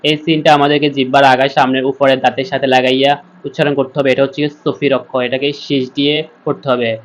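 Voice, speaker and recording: A man teaching Quran reading in a step-by-step lesson, spelling out each letter and then slowly chanting the joined words. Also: mid-range voice, little pitch movement.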